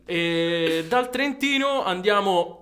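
A man's voice: high voice, expressive, slow pace, background noise. A man co-hosting a casual radio-studio chat, full of teasing banter. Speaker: podcast co-host.

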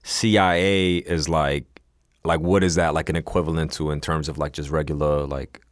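A man's voice: a bass voice, flat delivery. A man co-hosting a chat, asking questions in slangy, profane, joking talk. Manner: slangy and profane, quick to joke. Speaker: podcast co-host. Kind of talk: casual chat.

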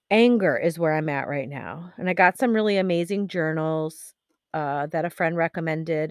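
A woman hosts her podcast in a personal monologue, grieving and candid. She speaks low, halting often with pauses and fillers. The sound is close and dry, with no room around her. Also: dry recording. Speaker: podcast host.

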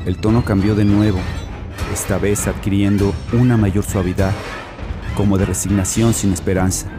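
A man narrating as a haunted, deep-voiced storyteller. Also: fairly even intonation, lightly acted. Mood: grave. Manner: grave, measured storytelling. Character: haunted man recounting a horror. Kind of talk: dramatic horror narration. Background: music.

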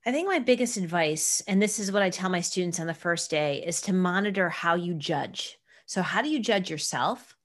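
A woman's voice: lowish voice, animated, normal speed. A middle-aged woman, a creativity teacher, chatting casually in an interview and acting out quoted voices with animation.

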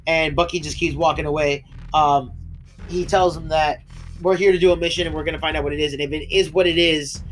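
A man with a slightly high voice talks through a show's plot in a loose, rambling way. He restarts sentences often, laughs at the scenes he describes, and coughs as his voice breaks. Faint music plays underneath. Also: steady tone, fairly quick. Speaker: podcast co-host. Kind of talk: casual recap chat.

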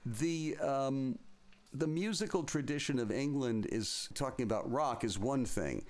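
A man's voice: medium pitch, a little slow, a little mellow. Playful, discursive man hosting an interview. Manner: discursive, playful, thinks aloud with vivid mimicked examples. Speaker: interviewer and host. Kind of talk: conversational music interview.

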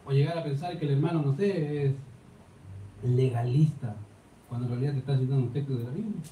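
A man's voice: mid-range voice, a little fast, mellow. A male pastor with a Chilean accent preaching a sermon, speaking directly and pressing his point with rhetorical questions. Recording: echoey room from a distance, faint noise.

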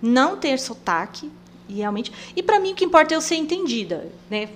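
A woman with an inland São Paulo accent and its rolled caipira R talks as a podcast guest. Her voice sits fairly high, and she tells stories with energy, acting out the lines of the people she quotes. A faint hum of ambience runs under her voice. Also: brisk. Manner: animated storyteller, acts out quoted dialogue. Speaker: missionary guest. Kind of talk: podcast interview conversation.

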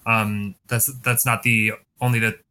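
A man's voice: fairly low pitch, little pitch movement, a little slow, bright, forceful tone, clear, resonant tone. A man hosting a podcast in casual chat, with a wry, gossipy way of talking. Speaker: podcast host.

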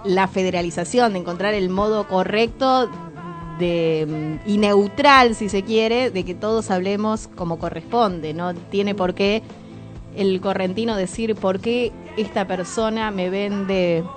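A woman from Córdoba with an Argentine accent and faint traces of her home region, chatting as a radio guest in a lively, often laughing way. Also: medium pitch, a little slow, faint music behind. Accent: Argentine Spanish, faint Córdoba traces. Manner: animated, laughs often, reflective. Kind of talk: casual radio chat.

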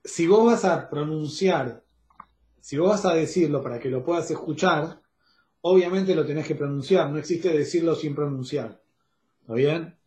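A man with a Rioplatense Spanish accent teaches an online Talmud class, laying out each point step by step and pausing to check that everyone follows. His voice sits fairly high for a man. The sound carries a roomy echo. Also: darkish tone. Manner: explains step by step, checks in with "¿está bien?". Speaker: Torah teacher.

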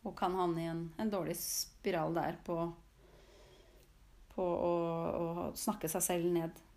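A woman host chats casually with her listeners about sensitivity, her voice on the low side, steady and somewhat dark. She sounds reflective and often searches for words, with fillers and restarts.

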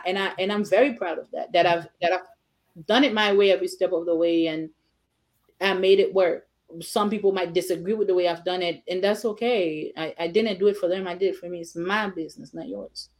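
In a casual interview, a woman who is both an attorney and a business owner speaks as the guest in short, declarative phrases. Her fairly low voice stays steady and brisk, sounding assured and emphatic.

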